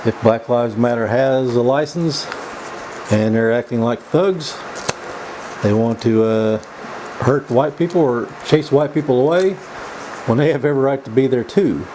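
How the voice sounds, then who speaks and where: A man's voice: mid-range voice, measured pace. Folksy man rambling over noisy background hum. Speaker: vlog host. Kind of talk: rambling opinion monologue, casual smoke-and-chat vlog. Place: indoors.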